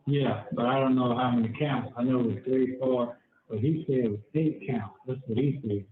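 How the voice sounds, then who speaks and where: A man talking on a prison phone line, halting and repeating himself. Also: mid-range voice, a crowd in the background. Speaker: inmate on a jail call. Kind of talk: phone conversation. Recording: tinny echoey prison phone line, faint noise.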